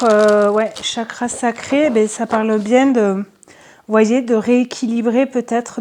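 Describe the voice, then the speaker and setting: A woman talks through a card reading at an unhurried, slow pace, her voice sitting in an ordinary middle register. She sounds chatty and a little hesitant, filling pauses with soft asides as she addresses her viewers. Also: medium pitch. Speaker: tarot and oracle card reader.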